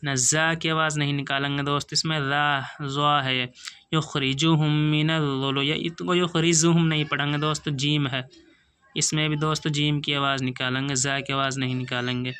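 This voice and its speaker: A man teaching Quran reading with an Urdu accent, spelling out letters and reciting verses slowly between quick explanations. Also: fairly high pitch, flat delivery, sharp tone, smooth.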